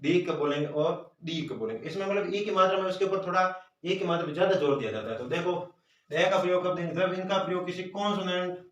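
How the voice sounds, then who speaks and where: Echoey far-off Hindi-accented teacher. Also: male voice, sits high, fast talker, fairly bright tone, lo-fi sound. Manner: repeats questions and answers them himself. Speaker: grammar teacher. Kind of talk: classroom lesson. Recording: roomy echo, voice from far off.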